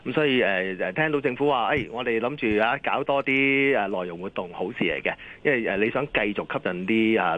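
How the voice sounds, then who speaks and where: Fast-talking man on a phone line. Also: lowish voice. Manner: fast and talkative, with many fillers. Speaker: hotel industry association executive. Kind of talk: phone-in interview answers. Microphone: telephone. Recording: narrow tinny phone line.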